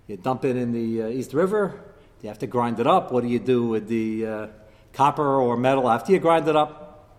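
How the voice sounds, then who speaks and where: A man's voice: medium pitch, expressive, moderate pace. Man lecturing on Talmud in a reverberant hall. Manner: question-and-answer teaching, weaving Hebrew terms into English. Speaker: rabbi giving a Torah class. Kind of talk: religious lecture, Talmud discourse. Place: large echoing room with listeners present.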